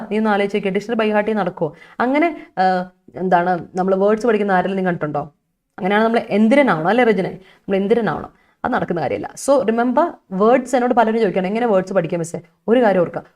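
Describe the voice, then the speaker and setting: A woman's voice: medium pitch, a little mellow. A young woman with a Malayali accent teaching English vocabulary in an online exam-prep lesson, chatty and coaxing, repeating key points.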